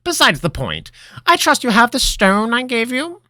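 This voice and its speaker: A man voicing an eccentric old male wizard master, theatrical and mischievous, with a high, booming, cackling voice. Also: wildly swooping pitch, normal speed, sharp tone, dry recording, studio quality, full character voice. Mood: grand, instructive. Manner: theatrical, mischievous, grand pronouncements. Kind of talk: storybook character voice.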